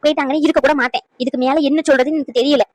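A woman voicing an anxious, scolding old grandmother in a cartoon family drama, who talks in rapid, scolding chatter. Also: high voice, fairly even intonation, dry recording, lightly acted.

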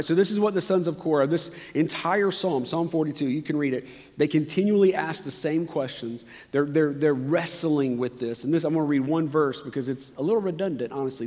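In a church auditorium with a long reverb tail, a man preaches as pastor, moving his story from loud, excited bursts to quiet, low passages, with casual fillers along the way.

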